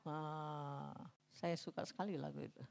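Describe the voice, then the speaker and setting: A middle-aged woman pastor from Sumatra, preaching a sermon in a church and telling stories, swinging between hushed asides and loud, dramatic peaks. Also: deep voice, level tone, a little slow, creaky. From North Sumatra.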